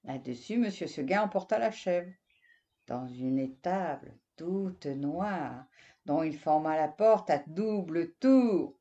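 A woman narrates a classic tale with lively expression and speaks straight to her listener. Her pace is slow and unhurried. The sound is muffled and lo-fi. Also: low voice. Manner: expressive, addresses the listener directly. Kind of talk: storybook reading. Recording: dull lo-fi recording.

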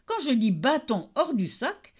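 A woman's voice: sits high, sing-song, measured pace, breathy edge, pitched above the performer's own voice, heavily acted. A woman voicing a boastful young male turner in a fairy tale reading. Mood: proud.

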